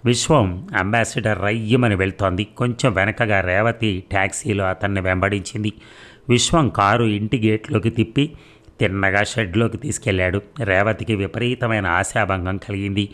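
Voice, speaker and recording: A man calmly narrating a story in an even, measured way. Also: fairly low pitch. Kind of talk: scripted narration.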